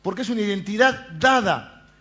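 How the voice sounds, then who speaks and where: A man preaching a sermon, his voice high and bright. He asks the congregation rhetorical questions and often sinks into a quiet aside. The recording sounds dull and lo-fi. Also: lively intonation, moderate pace, soft background music.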